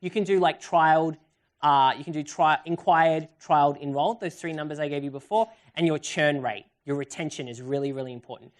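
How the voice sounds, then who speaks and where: A woman's voice: low voice, fairly quick. Upbeat woman leading a seminar. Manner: upbeat, chatty, animated. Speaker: workshop presenter. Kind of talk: live seminar Q&A. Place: event hall with audience.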